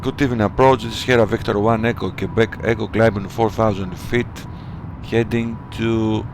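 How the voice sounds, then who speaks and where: A man flying a simulator as a pilot, speaking on a cockpit headset mic in clipped, rapid aviation phraseology with cockpit callouts and radio calls. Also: on the low side. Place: home flight simulator setup. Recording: steady background hum.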